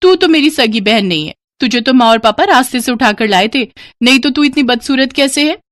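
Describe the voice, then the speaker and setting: A woman's voice: high voice, lively intonation, brisk, no echo, voice pushed up. A woman voicing a spoiled girl in a cartoon story, mocking and sneering.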